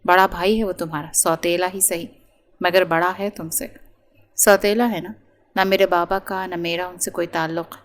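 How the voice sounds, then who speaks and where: A hot-tempered, possessive young man from a romance audiobook, harsh and accusing, read by a woman. His voice sits a little low. He speaks with a threatening edge. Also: fairly even intonation, close to an everyday voice. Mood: resentful.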